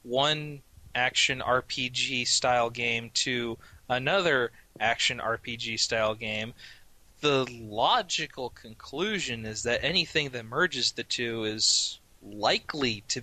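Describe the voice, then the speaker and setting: Bright-voiced, wry male podcast guest. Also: medium pitch, measured pace, no echo, poor audio. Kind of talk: casual podcast chat.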